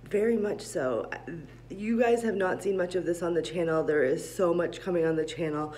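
A Vermont vlogger in her thirties rambles upbeat into a phone held close, starting in a gym hallway and ending up in a parked car. Her voice is low and darkish, with slight background noise.

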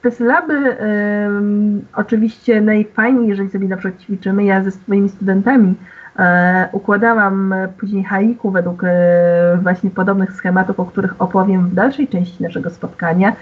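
A woman's voice: medium pitch, fairly even intonation, moderate pace. A woman giving an online lecture, explaining patiently to her listeners and hesitating often with fillers. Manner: explains to the audience formally. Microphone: video call. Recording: tinny phone-like online call audio.

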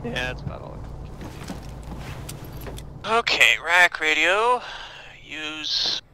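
A man's voice: fairly high pitch, big pitch swings, takes it slowly. A man talking casually to his team as a pilot in a military simulation game, giving informal instructions. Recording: loud aircraft engine noise. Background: helicopter and aircraft noise.

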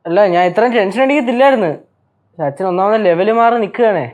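A young actor plays a fretful son who pours out his worries in a rush. His voice is high for a man and his speech tumbles out very fast. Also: a little mellow, close to an everyday voice. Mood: worried. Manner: anxious, worried. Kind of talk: sitcom acting.

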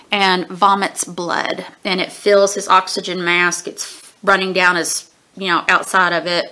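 A woman in her forties with a lowish, sharp-toned voice and allergy sniffles gives a casual book review from a small room at home. She's chatty and rambling, with frequent ums and throat-clearing. A desk-distance webcam captures it.

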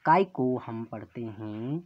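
Man teaching letters super slow, spells each sound out, dull lo-fi audio. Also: mid-range voice, no echo. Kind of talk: slow classroom explanation.

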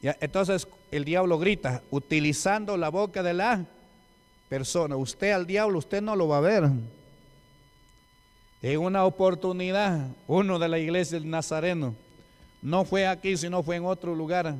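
A man's voice: sits high, moderate pace, clean tone. Man preaching in a ringing hall. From Peru. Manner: emphatic, asks the congregation rhetorical questions. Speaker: deacon preaching. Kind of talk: sermon. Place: church hall. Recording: long church hall reverb.

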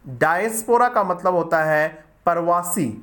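A man from India teaching English vocabulary from newspaper editorials, speaking slowly and deliberately, spelling out words and repeating them. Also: high-pitched, lively intonation, fairly bright tone.

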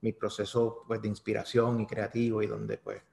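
A man's voice: lowish voice, monotone, moderate pace, vocal fry, darkish tone. A Puerto Rican man in his forties, a photographer being interviewed, speaking reflectively with many restarts and repeated words. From Puerto Rico. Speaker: photographer guest. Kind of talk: casual interview. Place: small studio room. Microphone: desk mic. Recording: echoey room with long reverb.

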